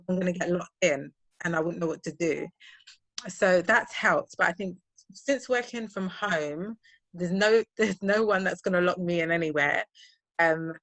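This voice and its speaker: A woman with a lowish yet fairly bright voice, recorded without echo, co-hosts a podcast. Chatting casually, she thinks aloud and walks through her own personal experiences step by step.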